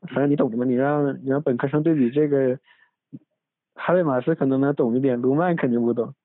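A man's voice: medium pitch, steady tone, fast, no room sound. Man chatting on a tinny phone recording. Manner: rambling, many restarts and asides. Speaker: podcast host. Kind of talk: casual academic chat. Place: room in a family home.

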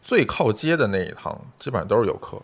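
A man's voice: fairly low pitch, very animated, quick pace, creaky, husky. A man chatting casually and animatedly as a podcast co-host, giving his opinions freely. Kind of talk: casual chat about restaurants.

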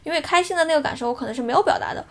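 A woman's voice: high-pitched, rapid-fire, a bit bright. A woman in her thirties on a casual podcast, telling a personal story in an earnest, reflective way. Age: 30s. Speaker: podcast co-host.

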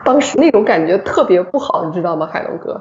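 Woman telling a hospital story, lively. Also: fairly low pitch, fast, a little hiss or hum. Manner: lively storyteller who laughs often. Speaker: obstetrician and podcast co-host. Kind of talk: casual chat, telling a work story. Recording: roomy, slightly dull recording.

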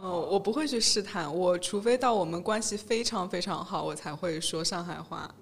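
A woman's voice: lowish voice, normal speed. A woman from Shanghai in casual podcast chat, telling candid, self-mocking stories about herself. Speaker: government office worker.

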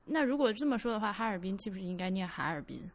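A woman co-hosting a podcast, chatting casually and telling stories about herself in a lively, self-deprecating way. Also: mid-range voice, racing, a loud crowd. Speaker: podcast co-host. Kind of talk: casual chat.

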